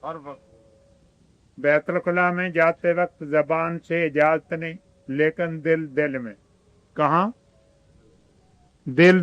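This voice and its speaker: Male preacher, Urdu-speaking Pakistani accent, high crisp voice, dry close sound, quotes Arabic verses. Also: fairly bright tone, no echo, lo-fi sound. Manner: rhetorical questions to the audience. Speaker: religious teacher. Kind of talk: sermon.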